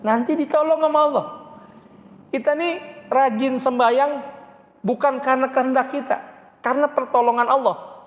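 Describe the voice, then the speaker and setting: A male Islamic preacher, giving an animated sermon in casual speech and speaking straight to the congregation in a mosque hall. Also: extremely high pitch. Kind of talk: mosque study-session sermon. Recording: echoey hall, tinny phone-like sound, faint noise.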